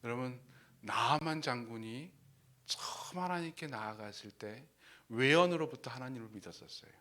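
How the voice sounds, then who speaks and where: A man preaching a sermon as pastor. He drops to hushed whispers, then rises to loud, emphatic lines, and acts out the people he quotes. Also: mid-range voice, moderate pace. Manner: acts out quoted speakers in his own voice. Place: church.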